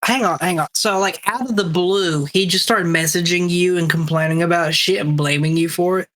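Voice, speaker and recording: A man's voice: high voice, moderate pace, fairly bright tone. A man co-hosting a casual podcast, asking probing follow-up questions to get the story straight. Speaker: podcast co-host. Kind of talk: casual chat.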